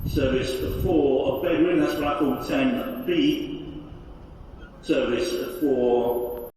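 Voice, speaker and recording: A man making a hesitant live announcement over a railway station loudspeaker, correcting himself as he goes. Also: mid-range voice, very slow. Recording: echoey distant loudspeaker, noisy station. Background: loud station noise.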